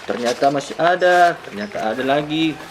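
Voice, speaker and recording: A man's voice: fairly high pitch, expressive, moderate pace, slight background noise, poor audio. A man teaching a young child, patient and coaxing, asking many questions. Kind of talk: one-on-one lesson with a young child.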